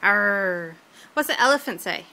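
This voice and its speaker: A woman's voice: fairly high pitch, lively intonation, normal speed, fairly bright tone. A woman filming her toddler at home, coaxing the child in a sing-song voice to show off new words. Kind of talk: casual home video.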